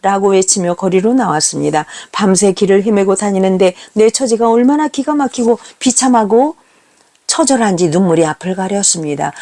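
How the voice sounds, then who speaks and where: A middle-aged woman reading a first-person story in a somber, measured manner. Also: medium pitch, warm tone.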